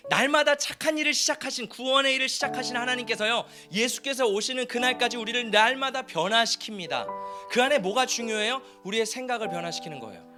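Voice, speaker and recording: A man preaching a sermon as pastor, asking the congregation questions as he goes. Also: very high-pitched.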